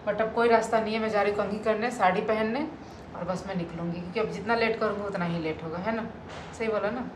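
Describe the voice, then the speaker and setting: A woman's voice: medium pitch, fast talker, background noise. Chatty woman vlogging in an echoey room. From Faridabad, India. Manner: chatty, talks straight to viewers, many fillers. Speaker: family vlogger. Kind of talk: casual vlog chat to viewers. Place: at home, packing indoors.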